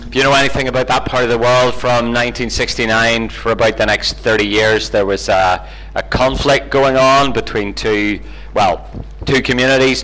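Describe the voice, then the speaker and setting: In a low-quality recording, a mid-range, slightly bright male voice with a Northern Irish accent belongs to a middle-aged Bible teacher from near Belfast. He's an interview guest, telling personal stories informally with a conversational, self-deprecating touch.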